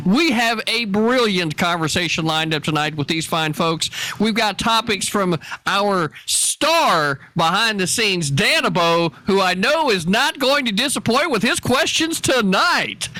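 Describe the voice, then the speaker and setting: A man, the show's co-host, delivering a playful showman-style opening announcement. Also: bright, forceful tone. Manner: booming emcee patter, playful.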